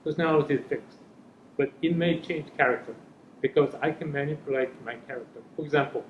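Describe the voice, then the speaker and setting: A middle-aged man whose first language is Korean speaks as a parent on a panel discussion, earnestly searching for words in his second language. His voice is a little high and brisk. Recorded in a school hall or room, the sound is echoey and slightly dull, with a little hiss or hum.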